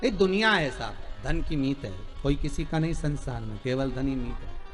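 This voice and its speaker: A man preaching a devotional sermon, telling folk stories with repetitive emphatic phrasing and sudden loud bursts between soft asides. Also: mid-range voice, expressive, moderate pace, soft background music. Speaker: preacher telling a religious story. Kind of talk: Hindi devotional sermon with storytelling.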